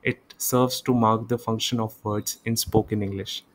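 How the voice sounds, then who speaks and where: A man delivers a revision lecture at a very slow, deliberate pace. His pitch stays flat and even as he works through his points, and he often stops to correct himself and repeat examples aloud. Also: rough recording. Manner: reads English slides slowly, explains quickly in Hindi. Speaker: online tutor.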